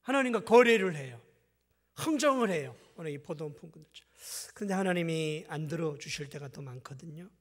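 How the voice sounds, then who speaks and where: A man preaching a sermon as pastor, dramatic, dropping to hushed asides and rising to loud, pleading outbursts. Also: fairly high pitch, lively intonation, brisk, in a large hall.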